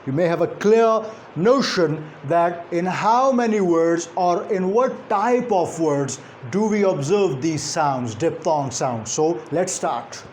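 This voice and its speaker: A man teaching English pronunciation, speaking deliberately and repeating example sounds slowly. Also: a little high, lively intonation, darkish tone, a little hiss or hum. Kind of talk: phonetics lecture.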